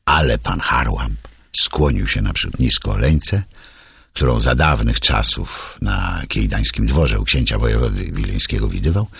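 A man reads a classic novel aloud in a measured, expressive way. His voice is extremely deep, gravelly and very husky, moving lively in pitch while he keeps a slow pace. The sound is dry and close to the mic. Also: no room sound. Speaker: audiobook narrator. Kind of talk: audiobook reading of a classic novel.

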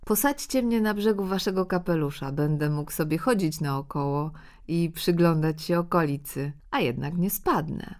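A woman voicing a clever, lively thumb-sized peasant boy in a fairy tale, calling out high and eager. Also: moderate pace, natural voice. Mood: eager, bold. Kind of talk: storybook reading.

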